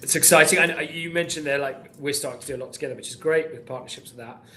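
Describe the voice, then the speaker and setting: A man's voice: fairly high pitch, fast talker, sharp tone. A man hosting a podcast interview, friendly and a little hesitant, often repeating words as he asks his questions. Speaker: podcast host.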